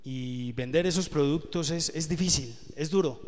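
A man with a high voice preaches live in a church hall, his words trailing off in long reverb. He talks earnestly, giving testimony that builds to emotional peaks. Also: normal speed, darkish tone. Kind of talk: sermon.

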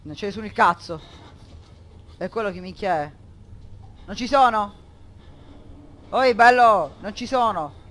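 A young man commentating a horror game, scared and swearing, often breaking into panicked yelling. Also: sits high, measured pace, long pauses. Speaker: gameplay commentator.

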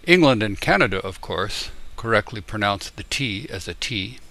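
An older man from the United States reading a letter aloud in a deliberate, explanatory way. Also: on the low side, animated, sharp tone. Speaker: tutor and YouTuber.

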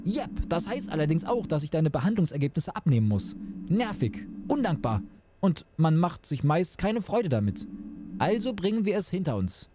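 A man's voice: a little high, normal speed, noisy background, pitched above the performer's own voice. Man doing a sarcastic night nurse. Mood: wry. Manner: wry, deadpan grumbling. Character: dry, sarcastic male night-shift nurse.

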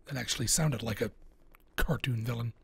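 Gravelly-voiced male gamer joking along. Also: medium pitch, brisk, slight background noise. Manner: wry, joking asides. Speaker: gamer commentator. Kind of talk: casual gameplay commentary.

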